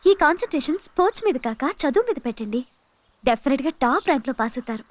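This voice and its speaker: A polite, encouraging young teacher in a film comedy. Her voice is high and quick, gentle in tone and full of support. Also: animated, noisy background. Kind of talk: comic film acting.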